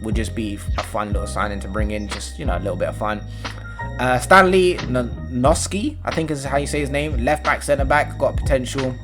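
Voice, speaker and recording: A man's voice: medium pitch, a little fast, over music. Rambling young man gaming. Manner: rambling and slangy, with sudden loud excited outbursts. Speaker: gaming YouTuber. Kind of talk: casual game commentary.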